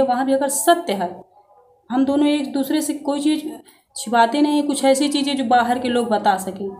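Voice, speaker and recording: A woman's voice: a little high, mellow, a little hiss or hum. A woman vlogger talking straight to her viewers in a casual motivational talk, earnest and preachy, asking rhetorical questions as she gives advice, recorded on a phone. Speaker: vlogger giving life advice.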